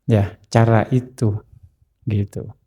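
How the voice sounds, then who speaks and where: A man, a Buddhist monk, giving an unhurried, conversational dharma talk that is full of filler tags and answers a listener's question. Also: on the low side, level tone, warm tone, slightly rough. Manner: acts out story dialogue with a raised voice.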